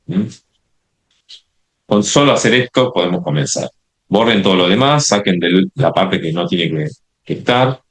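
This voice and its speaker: A man demonstrating a watercolor painting, explaining step by step and often checking in with "¿sí?". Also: low-pitched. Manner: explanatory, many checking "¿sí?" tags and restarts. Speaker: watercolor instructor.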